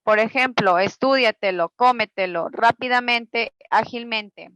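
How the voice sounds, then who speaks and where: A woman's voice: on the high side, a little slow, fairly bright tone, dry recording, poor audio. A woman student presenter reading a class presentation, going steadily through rules and long lists of example words.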